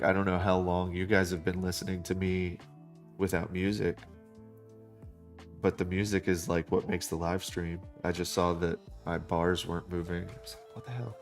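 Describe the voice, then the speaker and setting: A man with a very low, deep voice talks casually to his viewers while he draws. He rambles, restarts his sentences and fills pauses with "um". It sounds like a desk microphone at his computer. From United States. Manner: relaxed, rambling, many fillers and restarts. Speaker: artist live streaming a drawing session.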